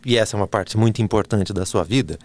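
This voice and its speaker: A man hosting an interview, firing off teasing quick questions and laughing often. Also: lowish voice, darkish tone. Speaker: interview host, radio presenter. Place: bookstore in a shopping mall.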